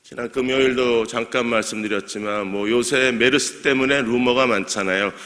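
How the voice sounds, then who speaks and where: With a mid-range, fairly bright voice, fairly even intonation and normal speed, a male pastor preaches a midweek sermon, putting questions to his congregation and answering them himself. He jokes and laughs lightly with the listeners, and the sanctuary adds long hall reverb.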